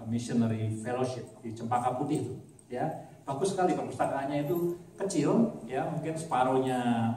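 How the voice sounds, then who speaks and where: A man's voice: medium pitch, dark tone. A man preaching a sermon in a conversational way, mixing English words into his talk and growing emphatic as he explains. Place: church sanctuary. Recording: echoey church hall, voice from a distance, faint room noise.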